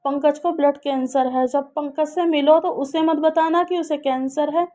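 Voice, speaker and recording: A woman voicing a grave, kindly middle-aged father who speaks gently in a storybook tale. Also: high voice, steady tone, a little slow. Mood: somber. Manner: gentle, somber.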